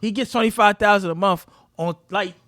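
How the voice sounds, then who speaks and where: A man's voice: sits high, a little fast, pushed and bright, no echo, clean studio sound. A man co-hosting a podcast, talking emphatically and over the others in a casual debate. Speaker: podcast co-host.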